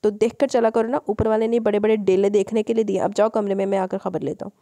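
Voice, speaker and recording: Audio novel: woman reading a commanding, short-tempered young husband; dark, mellow tone. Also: medium pitch, fairly even intonation, quick pace, dry recording, close to an everyday voice. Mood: stern. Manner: curt, commanding. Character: short-tempered young man, bossy and harsh.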